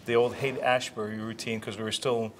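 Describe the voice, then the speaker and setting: A man in his sixties, born in Israel and raised in New Jersey, answering interview questions in an unhurried way with many pauses and restarts. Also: medium pitch, little pitch movement, slight background noise. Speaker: interviewee, retired chiropractor.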